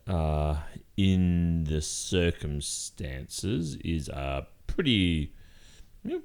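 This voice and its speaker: A man playing a guilty boyfriend in an ASMR role-play, speaking haltingly and carefully with long pauses. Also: rumbling low, a little mellow, heavily acted. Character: hesitant guilty boyfriend confessing, soft and careful.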